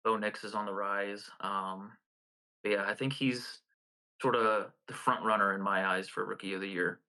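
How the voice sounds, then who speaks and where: A man's voice: lowish voice, steady tone, moderate pace, sharp tone, poor audio. A man co-hosting a sports podcast, talking with many hesitations and fillers. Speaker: podcast co-host. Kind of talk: casual sports chat.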